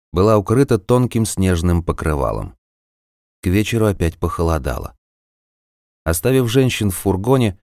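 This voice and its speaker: A man narrating a fantasy novel as an audiobook in a measured, even storytelling manner. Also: low-pitched, dry recording, studio quality.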